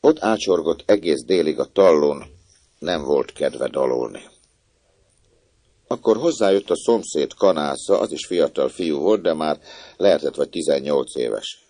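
A man with a very low voice reads a novel aloud, lively in his telling and acting out the scenes. The sound is dry and close-miked, with no room echo. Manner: expressive, acting out the dialogue. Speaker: narrator. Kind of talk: audiobook reading of a novel.

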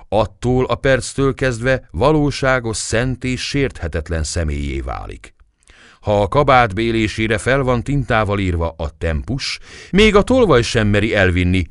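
A man reading a classic novel aloud as scripted narration, with expressive storytelling. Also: on the low side, no echo, studio quality. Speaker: audiobook reader.

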